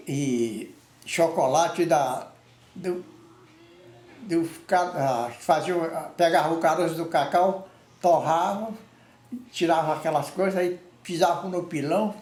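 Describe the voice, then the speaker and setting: With a slightly mellow voice on the high side, an older storyteller with an Amazonian Brazilian accent spins informal oral tales. He wanders, repeats himself and often adds a short question to his phrases, while the room echoes around him.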